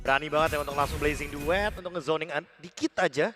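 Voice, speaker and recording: A man's voice: fairly high pitch, fast talker, music in the background. An Indonesian man working as an esports analyst caster, giving conversational live game analysis.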